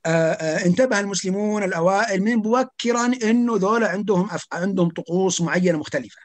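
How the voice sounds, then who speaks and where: A man speaking as a podcast guest, his voice sitting high for a man. He talks at a very rapid clip, firing off rhetorical questions and stumbling over repeated restarts as he pushes his argument. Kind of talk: podcast conversation.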